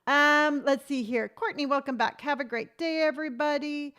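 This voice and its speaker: A woman's voice: high voice, normal speed, a bit bright. A woman in her late fifties chatting on a live stream, reading viewer comments aloud and telling stories with emphatic conviction. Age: 50s. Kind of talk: casual live-stream chat.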